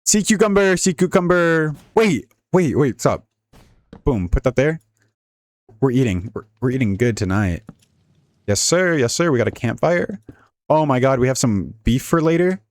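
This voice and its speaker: A man's voice: mid-range voice, big pitch swings, normal speed, dry recording. A young man giving casual, jokey, rambling commentary while playing a video game. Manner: rambling, jokey, laughs often. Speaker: gaming YouTuber.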